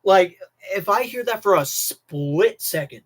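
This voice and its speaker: In a casual livestream rant to chat, a young American man is emphatic, profane, and repetitive. His high voice is animated, and he talks a little slowly.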